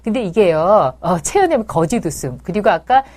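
A woman hosts a live parenting advice session, answering viewer questions in a chatty, reassuring tone. Her pitch swings widely as she talks, and she slips playfully into the lines of parents and children. She speaks straight to the mothers who are watching. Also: expressive, normal speed, a little mellow. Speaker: child psychology expert and host.

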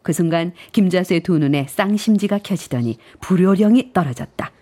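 A woman's voice: on the low side, moderate pace, mellow. A woman hosting a live radio show, reading out listener messages and narrating a story.

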